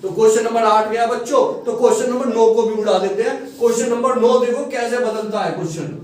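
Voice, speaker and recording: Male maths tutor, high-pitched, coaxing, recorded far from the mic. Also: fairly even intonation, fast talker, a little mellow. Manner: coaxing, keeps checking students follow. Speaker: maths teacher. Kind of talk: classroom-style maths lesson. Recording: echoey room, far from mic.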